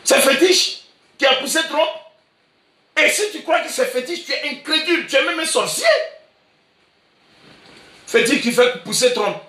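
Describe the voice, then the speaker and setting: A male pastor with an Ivorian French accent, preaching emphatically and repeating himself, sometimes breaking into shouts. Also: very high-pitched, expressive, unhurried, pauses often, far from the mic. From Côte d'Ivoire. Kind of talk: sermon. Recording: echoey room, voice from afar.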